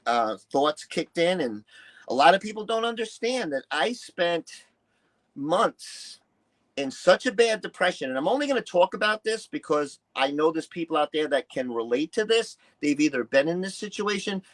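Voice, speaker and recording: With big pitch swings, a normal pace, and a somewhat bright, highish voice, this man recounts personal stories candidly in an interview. The New Yorker, early 60s, formerly a musician and bodybuilder, is blunt and emphatic, swears freely and dramatizes what others said.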